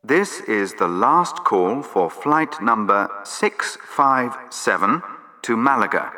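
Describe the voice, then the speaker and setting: Man, airport announcer, formal measured delivery, lively pitch, long hall reverb. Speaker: announcer in a listening exercise.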